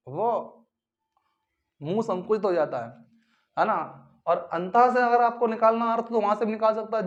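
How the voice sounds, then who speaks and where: High-pitched guy teaching a class, keeps repeating stuff and quizzing students, muffled lo-fi audio. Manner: repetitive, drills sounds aloud, asks students questions. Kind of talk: classroom lesson. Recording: dull lo-fi recording.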